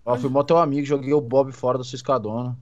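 A man's voice: mid-range voice, fairly even intonation, fast talker, darkish tone, dull audio. A young Brazilian man with a Brazilian Portuguese accent, complaining in a mock-dramatic way while gaming with friends. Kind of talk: casual gameplay banter with friends.

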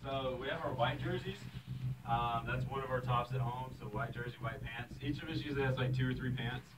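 A young man in his twenties shows kids around a locker room in a loose, rambling way, leaning on fillers and short laughs. His voice sits at an ordinary pitch. It is caught from well away from the camera, in a boomy room with loud noise behind him. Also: fairly quick. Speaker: baseball player giving a tour. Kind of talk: casual tour talk. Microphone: far camera. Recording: echoey room, far from the mic, loud background noise.

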